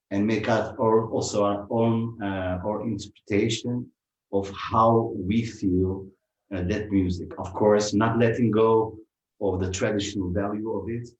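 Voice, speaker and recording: A man from Turkey speaks English, his voice low and deep. He talks in a measured, hesitant way with many pauses and fillers. He sounds some way from the mic, in a roomy, echoing space. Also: dull audio. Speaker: musician guest. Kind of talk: festival talk in English. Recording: roomy, from far off.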